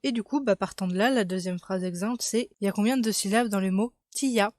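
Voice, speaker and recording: A woman's voice: mid-range voice, brisk, a little mellow. A woman casually explaining the words and spelling of her invented language, chatty and full of fillers as she thinks aloud. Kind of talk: casual explanatory video lesson.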